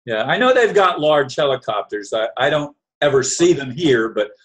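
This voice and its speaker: A man from New Jersey hosting a casual chat, speaking in short, measured remarks. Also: medium pitch, sing-song.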